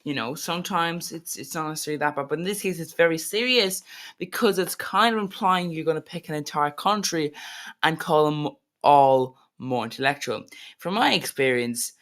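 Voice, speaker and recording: A man's voice: on the high side, moderate pace, a bit bright. A man reacting to a video, giving hesitant, rambling casual commentary.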